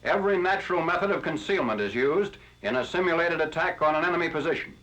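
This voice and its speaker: An old 1940s newsreel narration, with a man giving a crisp, formal announcer read. The voice sits a little high for a man. The archival audio is dull and lo-fi. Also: fast, a bit bright. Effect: old 1940s newsreel recording. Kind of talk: scripted wartime newsreel narration.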